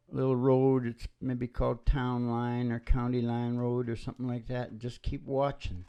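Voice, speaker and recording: A man who is both a radio show host and singer talks in a warm, clean, medium-pitched voice over acoustic guitar. He hosts a live radio show with rambling, folksy, playful chat, often repeating his phrases.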